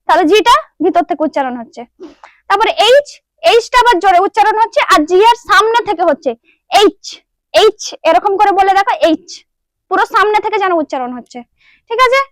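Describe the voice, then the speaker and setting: A woman's voice: very high voice, fairly bright tone, no echo, clean studio sound. A woman teaching a beginners' English lesson, patiently asking her own questions and answering them. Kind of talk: classroom lesson.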